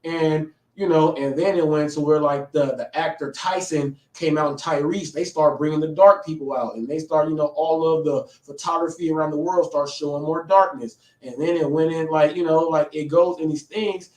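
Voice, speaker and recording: This live-show host, a man in his late thirties, rambles casually and keeps asking "okay?". He speaks at normal speed with hardly any pauses, in a steady, darkish voice on the high side, and the room sounds echoey with the mic somewhat distant.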